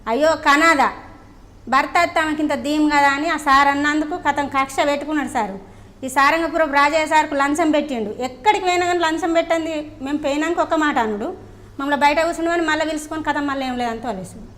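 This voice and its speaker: High-pitched woman with a telangana accent, earnest and pleading as she tells an interviewer her story. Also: quick pace, fairly bright tone. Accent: Telangana Telugu. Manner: earnest pleading recounting, repeatedly addressing the interviewer as sir. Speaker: crime victim's wife interviewed. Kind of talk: emotional first-person account.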